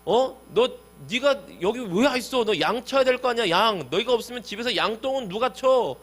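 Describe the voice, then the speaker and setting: A man's voice: extremely high pitch, expressive, moderate pace, fairly bright tone, voice pushed up, full character voice. Man doing a scornful bossy big brother. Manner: mocking, bossy scolding.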